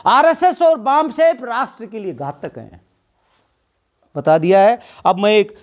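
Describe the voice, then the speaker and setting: A man's voice: high-pitched, measured pace. A man around sixty, giving a fiery, scolding public speech full of rhetorical questions at a Buddhist temple gathering. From Haryana, India. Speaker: retiring speaker at a Buddhist gathering.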